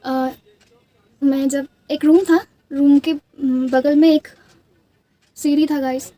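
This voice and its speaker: Young woman, Bengali accent, native Bengali speaker; high, mellow voice; casual rambling beauty-vlog storytelling with restarts. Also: steady tone, slow pace. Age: young adult. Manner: chatty, rambling, many restarts and fillers. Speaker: beauty vlogger.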